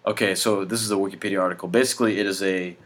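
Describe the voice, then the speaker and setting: A man co-hosting a casual comedy podcast, deadpan and halting, with many fillers and restarts. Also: deep voice. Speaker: podcast co-host.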